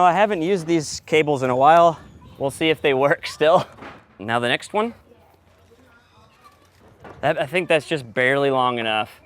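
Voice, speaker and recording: With a slightly bright voice on the high side, a man who is a sound engineer and host jokes around casually while describing the work he's doing on location. The on-location audio has clear background noise.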